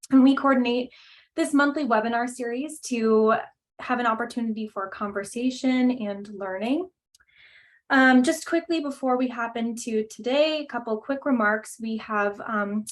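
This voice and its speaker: A woman hosting a webinar over a video call, reading out a speaker introduction in a friendly way with frequent "um" fillers. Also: fairly high pitch. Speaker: webinar host and coordinator.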